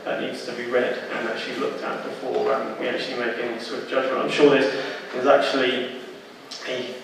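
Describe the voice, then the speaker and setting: Flat-voiced man far off in a hall. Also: mid-range voice, a little fast, gravelly, slight background noise. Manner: hesitant, many fillers and repeated qualifiers. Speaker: panel speaker. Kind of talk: public panel discussion. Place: large exhibition hall, indoors. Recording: distant mic in an echoey hall.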